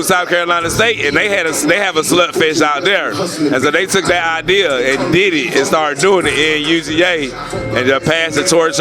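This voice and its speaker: Man, club DJ, laid-back, slightly high voice, loud music behind. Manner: laid-back, drawn-out, many fillers. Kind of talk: casual interview chat. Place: strip club, music playing.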